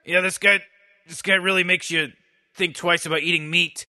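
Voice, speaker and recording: Mocking game characters for comedy, a man performs as a sardonic old mad scientist who rambles, sneers, stumbles over restarts and barks insults. His high-pitched voice stays steady and moves at a moderate pace, pushed and bright.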